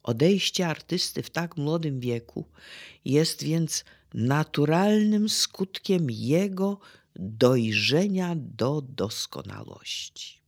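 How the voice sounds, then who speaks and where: A speaker giving a literary lecture on poetry, talking in a slow, measured way. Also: mid-range voice, big pitch swings, gravelly. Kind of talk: literary lecture with read-aloud verse quotes.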